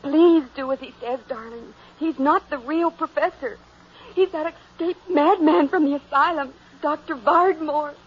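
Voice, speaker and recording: A woman's voice: sits high, a little slow. An actress playing a frightened captive young woman in a 1960s radio horror drama, breathless, emotional and melodramatic. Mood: anxious pleading. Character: frightened young woman held captive, pleading with her sweetheart. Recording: muffled, hissy vintage radio recording.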